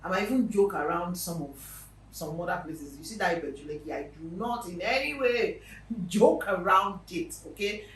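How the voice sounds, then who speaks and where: A woman's voice: lowish voice, moderate pace, roomy sound, distant mic, a little hiss or hum, low-quality recording. A Nigerian woman hosting a real estate show, talking casually to her viewers with emphatic repetition. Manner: lively and chatty, with emphatic repetition.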